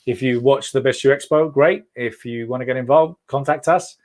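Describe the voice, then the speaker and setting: A man's voice: medium pitch, moderate pace. Effusive male host thanking everyone. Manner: warm, effusive thanks, calls people darling. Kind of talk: online panel chat.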